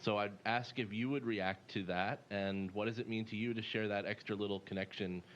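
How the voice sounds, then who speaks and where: A man working as a reporter, putting formal, halting questions at a press conference. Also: on the low side, fairly even intonation. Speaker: space news reporter. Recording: dull, slightly noisy feed.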